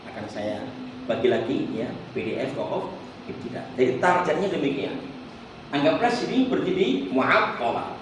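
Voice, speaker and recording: High-voiced man teaching recitation in an echoing hall. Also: sing-song, noisy background. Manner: explains then sings Quranic verses slowly for the group to repeat. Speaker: Quran recitation trainer. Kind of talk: teaching a workshop, demonstrating chanted recitation. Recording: echoey hall, distant mic.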